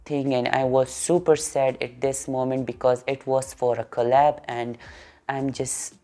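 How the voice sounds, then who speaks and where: Deep-voiced Pakistani woman vlogger. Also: flat delivery, unhurried, dark tone. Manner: earnest, simple phrasing with repeated intensifiers. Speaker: doll artist answering viewer questions. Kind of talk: casual Q&A vlog.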